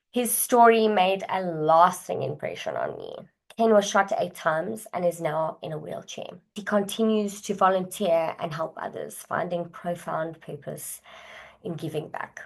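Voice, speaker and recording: A woman's voice: on the low side, vocal fry, poor audio. A woman host giving an earnest, inspirational scripted narration.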